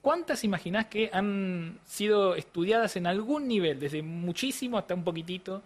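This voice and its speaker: A man's voice: high voice, expressive, normal speed. A man with a Rioplatense Spanish accent, explaining science in a didactic interview style with frequent tag questions. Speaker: neuroscientist guest.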